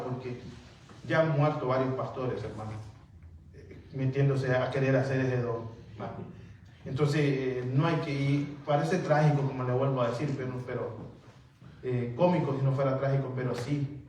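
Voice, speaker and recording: A man preaching in a loose, chatty way, often turning to his listeners as brothers and playing out small back-and-forth scenes. His voice sits a little high and comes from well off the mic, in a very echoey hall with faint room noise behind it. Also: darkish tone, recorded from a distance. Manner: keeps addressing listeners as "hermano", acts out dialogues. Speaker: pastor. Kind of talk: conversational sermon.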